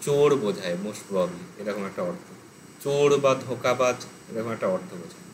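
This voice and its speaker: A man's voice: lowish voice, lively intonation, brisk, a little hiss or hum, rough recording. A man teaching an online language class, explaining step by step, thinking aloud with fillers. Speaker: Pali teacher.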